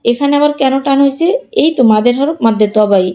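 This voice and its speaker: A woman teaching Quran reading, with a Bangladeshi Bengali accent, patiently spelling out letters and vowel marks and reading each example slowly. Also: high voice, mellow. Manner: patient, repetitive, explains rules then reads examples slowly. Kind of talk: spelling out and drilling letter sounds.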